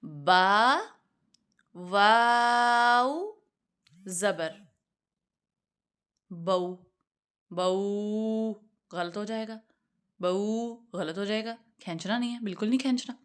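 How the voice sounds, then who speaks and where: A woman's voice: mid-range voice, pauses often. A woman teaching an online tajweed lesson, patiently repeating rules and drawing out single sounds for her learners. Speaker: Quran recitation teacher.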